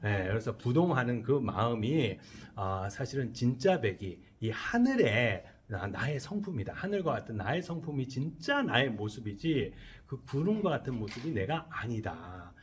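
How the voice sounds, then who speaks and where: A man's voice: medium pitch, big pitch swings, moderate pace, hardly any pauses, a little hiss or hum. A man, a Buddhist monk, giving a sermon to a congregation, posing questions and answering them himself and having the listeners repeat his phrases. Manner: leads the congregation in call-and-response repetition. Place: temple dharma hall.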